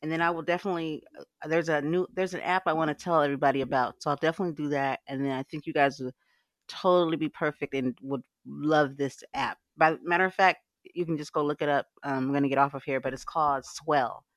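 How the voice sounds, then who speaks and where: A woman's voice: low-pitched, steady tone, fast talker, no echo. Chatty laughing woman hosting live audio. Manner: chatty, laughs often, frank with swearing. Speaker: livecast host. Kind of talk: casual live audio chat.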